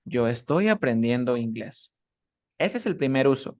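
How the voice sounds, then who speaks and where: A man's voice: mid-range voice, big pitch swings, moderate pace, a little mellow. A man teaching English grammar in a one-on-one class, explaining rules step by step and checking often that his student follows. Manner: patient, keeps checking understanding with short questions.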